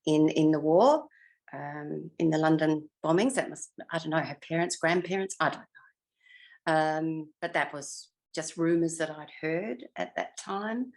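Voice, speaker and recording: An older Australian woman, formerly an actor, reminisces during a casual interview. Her voice sits low with a darkish tone, and she speaks at a measured pace, hesitating as she searches her memory.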